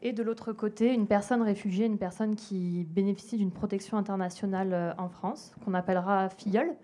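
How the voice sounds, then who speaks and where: A woman's voice: medium pitch, fairly even intonation, fairly quick, mellow. A woman explaining a mentoring program for refugees at a public talk, with many hesitant fillers. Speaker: charity program speaker. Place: event hall with an audience.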